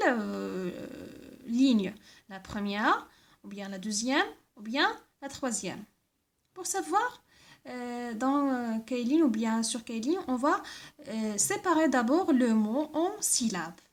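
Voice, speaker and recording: A woman teaching a primary school class, reading instructions and spelling out letters and sounds, often checking with "d'accord?". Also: sits high. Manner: slow, careful, repeats words and letters, frequent "d'accord?".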